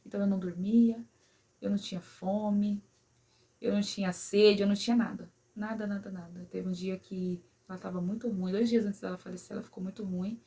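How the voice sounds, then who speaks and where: A woman who tells a personal story to her viewers in an emotional way. She keeps adding "né?" and "sabe assim?" and drops very quiet at the sad parts. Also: medium pitch, fairly even intonation, fairly quick, slightly rough. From São Paulo, Brazil. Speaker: vlogger.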